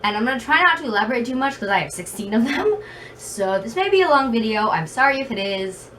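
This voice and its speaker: In her bedroom, a video blogger with a very slight lisp tells rambling, self-deprecating stories in a chatty vlog style. Her voice sits on the high side and is sing-song, quick, and a bit bright. A fan makes the room noisy, and the mic is distant.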